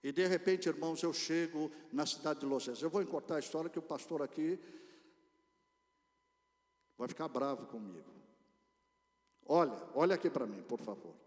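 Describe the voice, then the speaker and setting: A man from Brazil with a Brazilian accent, preaching a storytelling sermon and speaking directly to the congregation in an animated way. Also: on the high side, normal speed, pauses often. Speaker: pastor. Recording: reverberant church hall.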